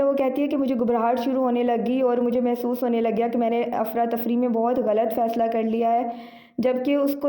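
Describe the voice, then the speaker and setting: A woman narrating a moral story in an unhurried way, with frequent fillers and lessons for girls. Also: sits high, mellow, roomy sound.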